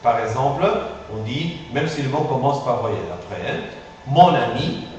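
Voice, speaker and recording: A male phonetics teacher giving a classroom pronunciation lesson, patient and drilling sounds slowly with many repetitions. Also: medium pitch, lively intonation. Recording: echoey room, far from mic, faint hiss.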